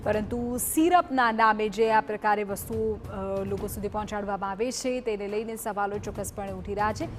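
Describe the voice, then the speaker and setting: A woman anchoring a news bulletin in a formal, measured delivery, with occasional brief hesitations. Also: medium pitch, soft background music. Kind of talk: news reading.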